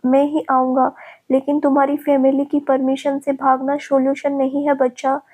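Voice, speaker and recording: Woman reading as a soft protective young guy, calm and reassuring, high voice held very level, mellow tone, audio storybook. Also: normal speed, lightly acted. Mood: earnest. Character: young man, tender, protective lover.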